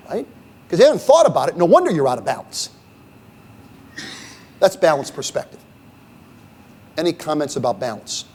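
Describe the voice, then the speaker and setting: A man's voice: sits high, darkish tone, long reverb tail. A middle-aged man lecturing on leadership at a university symposium, talking conversationally and often checking in with "okay?" and "right?". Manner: poses rhetorical questions to the audience. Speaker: guest speaker on leadership. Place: university event room.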